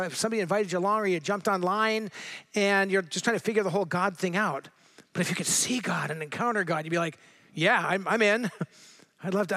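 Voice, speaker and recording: A middle-aged pastor from Southern California preaches a sermon conversationally in a high-pitched, fairly bright voice. He slows down to read scripture with emphasis.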